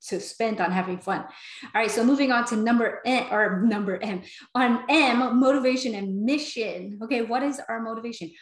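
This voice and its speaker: A woman's voice: mid-range voice, roomy sound. A woman giving an upbeat sales training talk, chatting casually and acting out both sides of sample conversations. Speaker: network marketing trainer.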